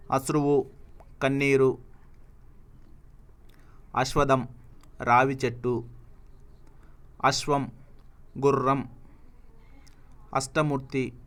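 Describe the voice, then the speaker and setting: A man with a Telugu accent slowly reads dictionary words and their meanings, pausing after each one. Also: medium pitch, a bit bright. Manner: reads each word then its meaning, with pauses. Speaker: teacher reading a word list.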